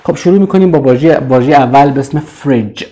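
A man who speaks Persian as his first language, teaching English kitchen vocabulary with a Persian accent. He stretches out each model word slowly and lets it fall low at the end, then asks learners to repeat after him. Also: dark tone. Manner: slow, drawn-out model words, often trailing off low.

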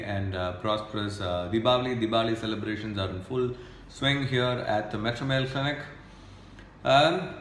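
A man, a doctor explaining a health topic in a measured way with many filler uhs. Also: medium pitch, a bit bright. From India. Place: indoor room with ceiling lights. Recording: echoey room, faint background noise.

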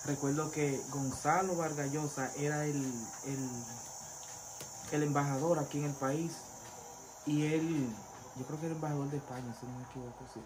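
Un hombre con acento dominicano, invitado en una entrevista, cuenta su historia de forma animada e imita las voces de otros. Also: male voice, fairly high pitch, normal speed. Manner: animated, acts out voices of others when retelling. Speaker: interview guest, former pastor turned vodou priest. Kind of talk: casual storytelling interview. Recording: noisy background.

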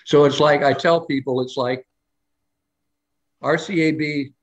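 A man's voice: fairly high pitch, steady tone, a little slow. An older man spins long anecdotes in a loose, rambling way, circling back and restarting as he goes. He leans into quoted lines with a lifted voice, then drops back to an easy conversational tone. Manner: acts out quoted lines in a raised voice. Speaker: guest storyteller on a live show. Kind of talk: casual live interview chat.

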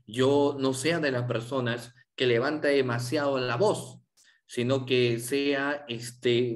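A man giving a lecture to lawyers, asking rhetorical questions and adding tag questions. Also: mid-range voice. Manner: asks the audience rhetorical questions, with frequent tag questions. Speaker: law lecturer.

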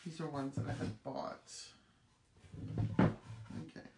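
A woman's voice: extremely low pitch, slow pace. Chatty woman demoing crafts in echoey room. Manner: chatty, upbeat, talks while working. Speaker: craft demo host. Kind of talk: live craft demonstration. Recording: echoey room with clear background noise.

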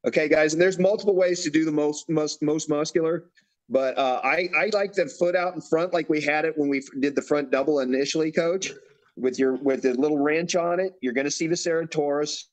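A man with a somewhat high voice leads a posing lesson for bodybuilders. He gives short, direct cues and often repeats them. He talks like a coach guiding an athlete through each pose. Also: steady tone, a little fast. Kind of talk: instructional demonstration.

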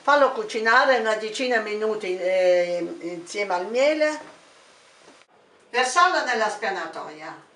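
In her kitchen, an older home cook from Italy, speaking with an Abruzzo accent, slowly explains a recipe one step at a time for a cooking demonstration. Her voice is medium in pitch, expressive and slightly bright, picked up by a distant mic in an echoey room.

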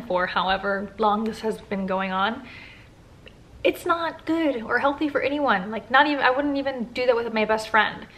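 Speaking to a close-range camera in her home living room, this native English speaker in her thirties fields viewer questions in a chatty, candid Q&A full of "like" fillers. Her voice is a little high and a bit bright.

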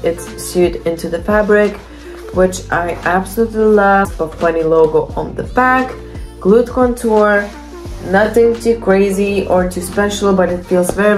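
A young woman, a fitness coach, talks through a try-on haul in her bedroom, speaking straight to the camera. Her English is that of a Lithuanian native speaker, chatty and enthusiastic, and she often restarts her sentences. Faint music plays behind her, and her voice sits at a middle pitch. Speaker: fitness coach reviewing gym clothes. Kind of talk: casual try-on haul talk. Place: bedroom at home.

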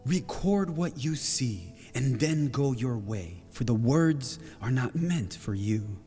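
Angel, male actor: calm stage delivery, husky and unhurried, reassuring, music behind. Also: mid-range voice, full character voice. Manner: measured, solemn, reassuring. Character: calm, solemn male angel sent by God. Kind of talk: projected stage drama acting. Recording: long hall-like reverb.

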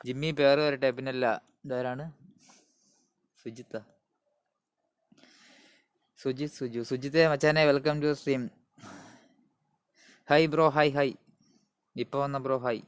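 A man's voice: medium pitch, fairly even intonation, takes it slowly, pauses often, clean tone, no echo. A man with a Malayali accent hosting a casual gaming live stream, calling out greetings and hype to viewers and mixing English words into Malayalam.

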